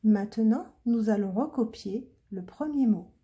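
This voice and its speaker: A woman speaking slowly and deliberately, her voice dark and mellow yet a touch high. She guides young learners through handwriting one stroke at a time, calm and patient, every word clearly articulated. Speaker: teacher. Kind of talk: handwriting lesson, step-by-step instruction.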